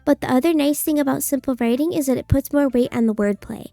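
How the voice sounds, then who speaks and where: A woman's voice: high-pitched, fast talker, vocal fry, warm tone, no room sound, soft background music, pitched above the performer's own voice. A woman streamer voicing a bratty, defensive anime schoolgirl from a visual novel game in a cutesy, huffy voice. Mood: smug, earnest. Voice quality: cutesy, annoying anime-girl voice.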